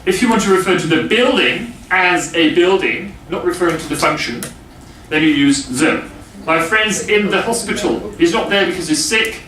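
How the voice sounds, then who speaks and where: Man, teacher, classroom grammar lesson, fairly high voice, pausing with fillers, distant echoey room. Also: animated, pushed and bright, a little hiss or hum. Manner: explains slowly with many pauses and fillers. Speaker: English teacher.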